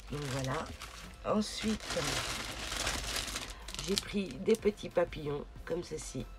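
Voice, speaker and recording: Halting woman showing a craft haul. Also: low voice, animated, over loud music. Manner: halting, many hesitations and searching for words. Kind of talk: casual haul video. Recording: noticeable background noise, crinkling. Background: rustling and crinkling of packaging.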